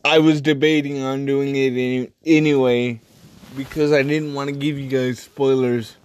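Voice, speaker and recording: A man hosting a casual solo podcast review, speaking in halting, terse, choppy phrases. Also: medium pitch, level tone, darkish tone, dry recording. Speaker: wrestling podcast host.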